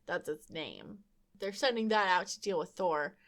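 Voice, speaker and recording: A woman's voice: fairly low pitch, very animated, moderate pace, fairly bright tone. A young woman hosting a podcast, recapping a comic book casually with frequent laughter and wry asides. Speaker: podcast host.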